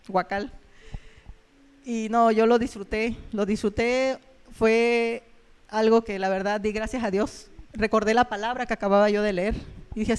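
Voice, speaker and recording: A woman giving a personal testimony in church, telling her story earnestly and haltingly with many fillers. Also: a little high, darkish tone, smooth. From Mexico.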